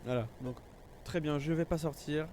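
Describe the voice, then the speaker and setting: A man's voice: a little high, fairly even intonation, moderate pace, a little mellow. A man with a French accent, thinking aloud with hesitant restarts as he plays a video game and reads in-game English text aloud. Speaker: gamer. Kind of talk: French let's play commentary. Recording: game music clearly behind the voice.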